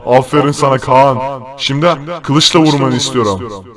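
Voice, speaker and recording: Man doing a taunting villain in a minecraft role-play, boastful, mid pitch, crowd noise behind. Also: slow pace, close to an everyday voice. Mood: menacing. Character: boastful menacing male moon and sun villain.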